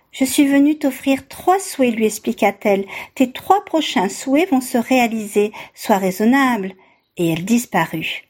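Woman, host reading aloud, fairly high voice, warm and mellow tone, measured narration. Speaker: radio program host and reader. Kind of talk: scripted narration of a tale and book review.

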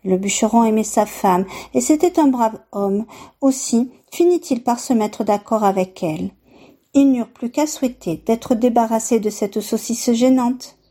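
A woman hosting a youth literature program, reading a tale aloud in a clear, measured storytelling voice. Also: a little high, mellow. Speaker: radio program host and reader. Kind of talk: scripted narration of a tale and book review.

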